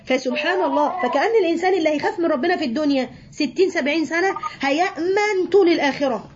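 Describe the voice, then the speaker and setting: A woman with an Egyptian Arabic accent gives a religious lesson to a room of listeners. She explains each point patiently and keeps asking them rhetorical questions. Her voice sits high, and the recording is dull and lo-fi. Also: very fast. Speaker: Quran teacher.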